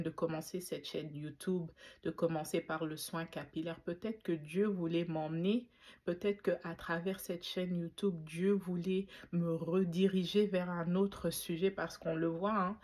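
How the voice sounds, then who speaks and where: Speaking in a low-pitched, darkish voice, a woman in her forties from Belgium reflects aloud to camera for her YouTube channel. It's casual, faith-inflected talk, peppered with fillers and restarts.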